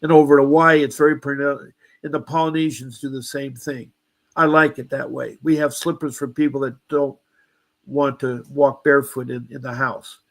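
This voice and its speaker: A man in his seventies, a guest, tells a personal story in a mid-range, gravelly voice with a level tone and moderate pace. He rambles with restarts and asides, sounding aggrieved and insisting he was treated unjustly.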